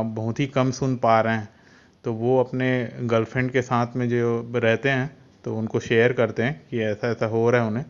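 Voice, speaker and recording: Male film channel host, smooth monotone voice, lo-fi recording, casual plot recap. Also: mid-range voice. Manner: unhurried, halting retelling. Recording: dull lo-fi recording.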